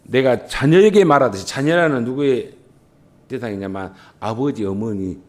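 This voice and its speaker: A man's voice: mid-range voice, animated. Impassioned Jeolla-accented male pastor. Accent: Jeolla Korean. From Jeolla region, South Korea. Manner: impassioned, swinging from loud emphasis to quiet, drawn-out asides. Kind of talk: sermon. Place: church sanctuary.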